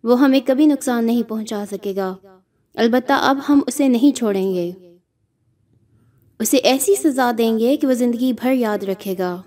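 Woman reading a spooky spirit talking through a girl, threatening, kinda high and warm. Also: lightly acted. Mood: menacing. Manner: threatening, contemptuous. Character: possessing spirit speaking through a girl, male voice, menacing.

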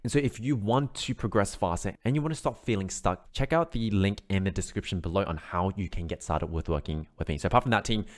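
Speaking quickly with few pauses, a low-pitched man coaches singing online. He explains each step with encouragement and keeps asking "right?" to check in.

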